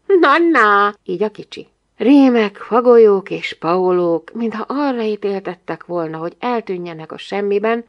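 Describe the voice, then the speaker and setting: A woman narrating an audiobook in the first person, wry and lively. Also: mid-range voice, vocal fry, dull audio. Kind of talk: storybook narration.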